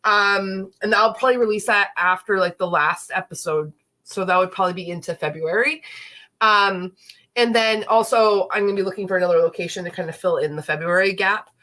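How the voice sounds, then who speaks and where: Speaking fairly quickly in a mid-range voice that comes across pushed and bright, a woman in her late thirties hosts a relaxed livestream chat. Lingering illness has her sounding congested and stuffy, and her talk is chatty and meandering, with fillers everywhere.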